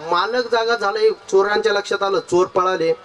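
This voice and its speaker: A man's voice: sits high, fairly even intonation, a little fast, fairly bright tone. A male kirtan preacher telling a folk parable with humor, speaking directly to his audience. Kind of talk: devotional kirtan sermon with folk storytelling.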